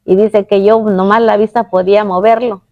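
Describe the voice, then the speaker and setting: A woman telling a personal faith testimony, earnest and halting, with many restarts. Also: mid-range voice, little pitch movement, no room sound, muffled recording. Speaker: guest giving a testimony.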